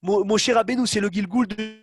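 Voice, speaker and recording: Animated high-voiced man teaching Torah. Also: normal speed, faint music behind. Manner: animated, calls on students by name, acts out quotes. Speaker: rabbi teaching a Torah class. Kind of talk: online Torah lesson.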